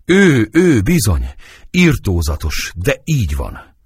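A man with a lowish, sing-song voice and a breathy edge reads dramatic verse in a lamenting, wailing manner, voicing a fussy, grieving old nurse. The recording is dry and clean, with studio clarity.

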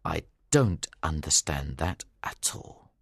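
A man's voice: extremely low pitch, expressive, takes it slowly, vocal fry, slightly rough, no room sound, studio quality, heavily acted. A man voicing a serious, determined lawyer in a spoken story. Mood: grave. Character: serious male lawyer, middle-aged, determined.

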